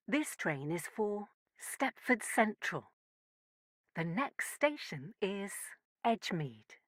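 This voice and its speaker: A woman giving automated railway announcements over a station PA loudspeaker, in a measured delivery with even spacing. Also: mid-range voice, no echo. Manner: measured, evenly spaced delivery. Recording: distant loudspeaker with loud noise.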